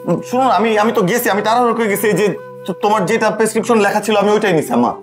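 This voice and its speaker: A man's voice: sits high, very fast, soft background music, close to an everyday voice. An actor playing a desperate young man who begs for medicine for his sick mother, repeating words in panic. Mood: pleading. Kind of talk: TV drama acting.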